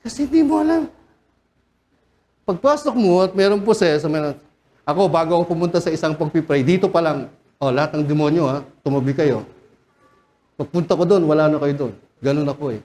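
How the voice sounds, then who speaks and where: A man preaching a sermon as pastor, animated, joking and shouting out rebukes. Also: a little high, fairly quick. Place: church sanctuary.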